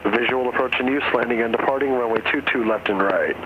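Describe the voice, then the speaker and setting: A man's recorded airport weather broadcast, read out in an even, measured announcer delivery over an aircraft radio. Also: mid-range voice. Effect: automated airport weather broadcast over aircraft radio. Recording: muffled radio audio under cockpit engine noise.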